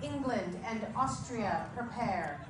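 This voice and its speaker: A woman calls out event notices over a PA loudspeaker, measured and repeating each one. Her fairly high voice booms back with heavy echo from far off. Loud background noise fills the space around her. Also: expressive. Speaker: event announcer. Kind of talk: formal announcements.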